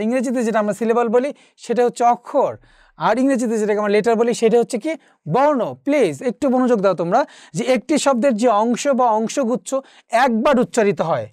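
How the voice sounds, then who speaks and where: A woman's voice: fairly high pitch, a little mellow, no echo, clean studio sound. A woman teacher giving an exam-prep lecture. She keeps asking her students rhetorical questions and repeating the answers.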